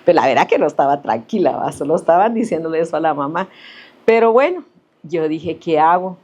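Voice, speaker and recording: Middle-aged woman preaching, animated testimony. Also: brisk, highs cut off. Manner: animated storytelling, rises in pitch for emphasis. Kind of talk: sermon with personal testimony.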